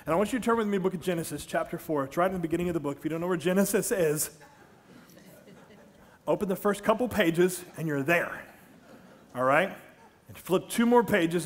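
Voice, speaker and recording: High-voiced animated pastor preaching. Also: male voice, fast. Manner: storytelling, animated, jokes with the congregation. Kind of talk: sermon. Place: large church stage.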